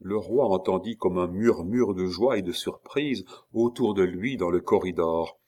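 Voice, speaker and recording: A male narrator with a deep, low voice, reading a historical novel aloud. He takes his time and keeps an unhurried, measured pace. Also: mellow. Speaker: audiobook narrator.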